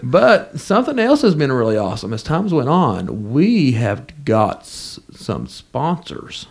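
A man's voice: mid-range voice, sing-song, unhurried, creaky, breathy edge. A man co-hosting a podcast in casual, jokey, folksy banter. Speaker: podcast co-host.

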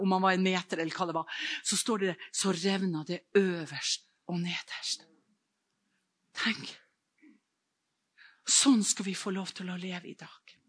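An older woman preaching a sermon with personal testimony, fervent and swinging between loud exclamations and hushed whispers. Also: mid-range voice, slightly rough.

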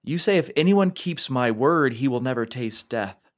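A man's voice: medium pitch, lively intonation, normal speed, close to an everyday voice. A man reading scripture aloud and voicing angry, indignant male temple teachers in a raised, challenging tone.

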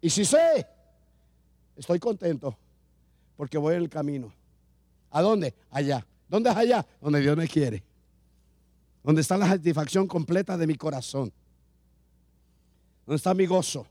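A man's voice: fairly high pitch, animated, unhurried, long pauses, warm tone, no echo. Male pastor, sermon delivery with repeated emphatic phrases; dry, close recording. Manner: preaching with repetition and rising emphasis.

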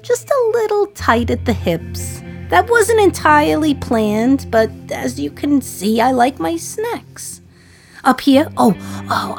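In a radio play monologue, an actress with a voice on the high side plays a condemned female prisoner in her thirties. She addresses the listener in a wry, sardonic, confiding tone.

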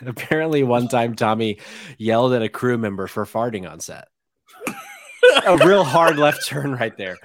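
A man's voice: mid-range voice, expressive, unhurried, a bit bright, a little hiss or hum. A man co-hosting a podcast, sharing film trivia in a wry, rambling casual way. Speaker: podcast co-host. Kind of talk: casual comedic trivia chat.

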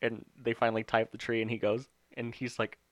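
A man in casual podcast chat with a mid-range voice. He is animated and fond of acting out scenes as he talks. The sound is dry and close, with no room around it. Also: medium pitch, quick pace, no room sound. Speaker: podcast co-host.

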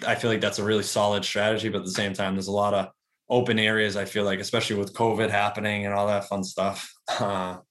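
A man in his early thirties speaks in a slightly low voice. He talks about real estate as a guest in a casual interview. He is relaxed and rambling, with lots of fillers and restarts. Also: quick pace. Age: 30s.

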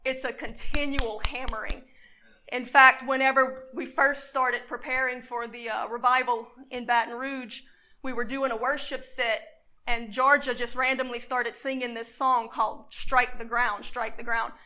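A woman preacher delivering a sermon with fervent, emphatic delivery, her phrases swelling loud. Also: fairly high pitch, flat delivery, unhurried.

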